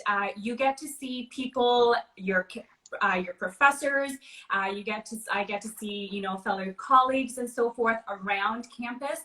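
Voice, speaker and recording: A woman from Trinidad and Tobago, a university recruitment manager, answering interview questions in a friendly, measured way with frequent fillers. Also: on the high side, sharp tone, poor audio. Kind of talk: livestream interview.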